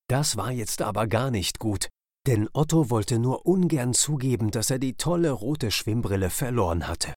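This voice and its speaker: Male storyteller for kids' audiobook: deep-ish voice, bouncy, expressive delivery. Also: no room sound, studio quality. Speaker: narrator. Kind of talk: children's story reading.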